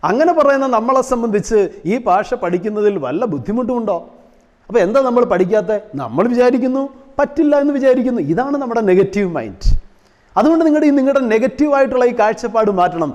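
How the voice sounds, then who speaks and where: Teacher, male, high voice, rhetorical questioner, lecture hall with long reverb. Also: darkish tone. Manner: asks rhetorical questions, mixes English terms into explanations. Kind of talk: classroom English lesson.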